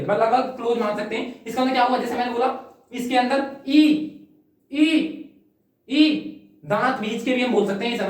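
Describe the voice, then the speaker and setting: A woman teaching Hindi grammar in an exam-prep lecture. She explains step by step, keeps checking in, and stretches out sample vowel sounds. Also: fairly high pitch. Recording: very echoey room, far from the mic.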